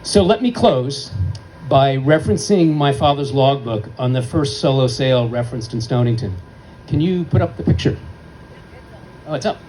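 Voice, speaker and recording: A man's voice: medium pitch, animated, moderate pace, a little mellow, slight background noise, rough recording. A man giving a formal award acceptance speech at a ceremony, earnest and heartfelt, telling a story to make his point. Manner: earnest, heartfelt, emphatic list-making.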